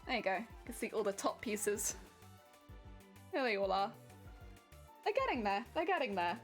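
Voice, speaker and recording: A British-accented woman chats casually on a craft live stream, giggling and muttering to herself as she works, her medium-pitched voice very animated at a normal speed. Loud background music plays under her voice alongside a sewing machine.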